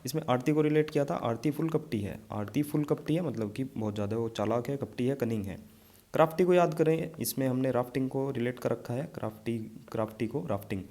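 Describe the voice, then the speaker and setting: A man's voice: mid-range voice, brisk, mellow. A man teaching an exam vocabulary lesson, explaining memory tricks and checking in often with his students.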